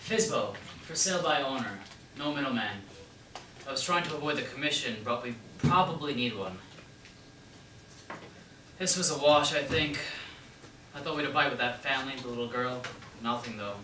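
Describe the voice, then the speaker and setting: A man plays a grieving young father who speaks in a calm, measured way with a defensive edge. His mid-range voice comes from a distant mic in a reverberant room with steady background noise, like a stage play taped from the seats. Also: mid-range voice, natural voice. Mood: weary. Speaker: stage actor. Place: theater stage. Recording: echoey room, far-off mic, noisy.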